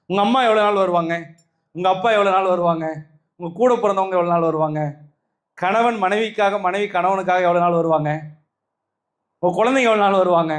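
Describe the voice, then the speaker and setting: A man with a Tamil Nadu accent giving an emphatic spiritual talk, repeating phrases and firing rhetorical questions at his listeners. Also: high-pitched. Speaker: spiritual speaker.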